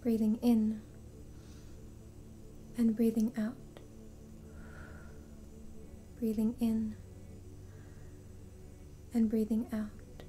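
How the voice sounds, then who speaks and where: Slow, soothing woman hypnotist, half-whispered. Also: on the high side, monotone, mellow, slight background noise, poor audio. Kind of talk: hypnosis induction, ASMR-like.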